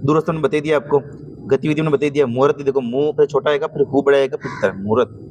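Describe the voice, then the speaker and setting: A man teaches a grammar lesson at a patient pace, often pausing to check whether his students follow. His voice sits at an ordinary middle pitch. A steady noise runs under the recording. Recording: noisy recording.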